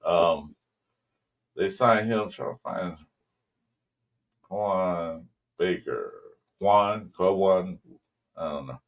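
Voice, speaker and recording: A man with a Southern California accent hosting a casual sports podcast, rambling loosely with lots of ums and shout-outs to viewers. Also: low voice, extremely slow, pauses often. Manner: loose, rambling delivery with many ums, greets viewers mid-talk. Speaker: podcast host.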